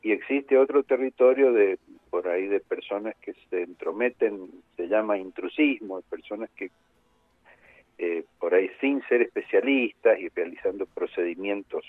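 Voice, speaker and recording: A man, a plastic surgeon calling in, explaining in a measured way. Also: on the low side, no echo. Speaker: plastic surgeon, phone guest. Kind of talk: phone interview. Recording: tinny phone line.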